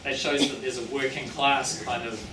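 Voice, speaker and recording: Speaking with a New Zealand accent in a mid-range, fairly flat voice at normal speed, a man gives an informal public talk about his research and book, taking questions from the audience. He sounds like a matey, colloquial working-class tradesman, rambling and correcting himself. The indoor venue is echoey, the mic distant, and the recording clearly noisy.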